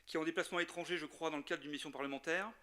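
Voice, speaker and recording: A man's voice: a little high, fairly even intonation, very fast, bright, forceful tone. A man with a Lorraine French accent, president of a chamber of commerce, giving an informal welcome speech at a general assembly with many hesitations.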